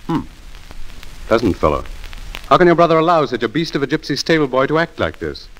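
A haughty young gentleman in an old radio drama. He talks quickly in a lively, varied pitch. His manner is supercilious and snobbish. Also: poor audio. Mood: disdainful. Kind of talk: 1940s radio drama acting.

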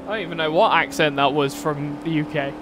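A man's voice: fairly high pitch, brisk. A young British man commentating a live stream while he plays, chatty and crude, swearing and laughing at his own jokes. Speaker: game streamer. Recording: racing game engine noise behind voice. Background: car engine sounds from the game.

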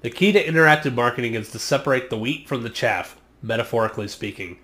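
A man in his thirties, an internet marketing vlogger, reads a scripted explainer straight to camera in a measured, earnest manner. His medium-pitched, mid-range voice is captured close and clean by a studio condenser mic on a stand just off frame in his small home studio.

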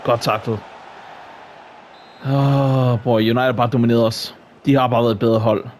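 Excitable man reacting to a football game. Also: medium pitch, a little hiss or hum. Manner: excitable, frequent exclamations. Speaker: gaming YouTuber.

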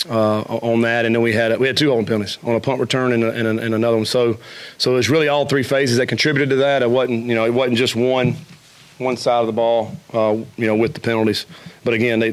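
A middle-aged man, a head football coach, answering questions at a post-game press conference, with frequent restarts and fillers. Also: mid-range voice. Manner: fast, even-toned, frequent restarts and fillers. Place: press conference room with a logo backdrop. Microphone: table microphone.

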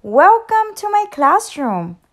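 Lady doing a chirpy little yellow birdie teacher, super high and eager, slow careful storybook reading. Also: big pitch swings, heavily acted. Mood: enthusiastic. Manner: bright, chirpy, enthusiastic. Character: cheerful little female yellow bird teacher. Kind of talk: storybook read-aloud.

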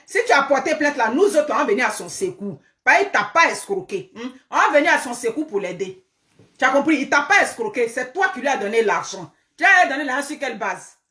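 High-voiced scolding woman. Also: a bit bright, reverberant. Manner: scolding, emphatic, repeats words and asks rhetorical questions. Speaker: online commentator. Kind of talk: live social media commentary.

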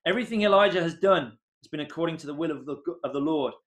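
A man's voice: on the high side, quick pace. Earnest man preaching from home. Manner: earnest, rises to excited emphasis on key points. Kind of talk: sermon. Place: home room, indoors.

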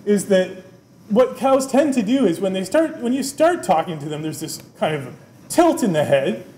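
This keynote comes from a middle-aged dean of a business school, speaking conversationally and animatedly at a wooden podium indoors, gesturing with both hands and frequently asking "right?". His voice sits high at a moderate pace, and through the podium microphone the lecture room sounds roomy, with faint background noise.

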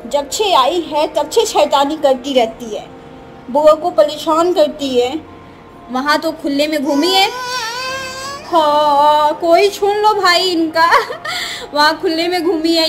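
High-voiced woman cooing baby talk. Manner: cooing, sing-song baby talk with laughs. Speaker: vlogger. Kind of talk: casual home vlog, baby talk to a niece. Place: family home indoors.

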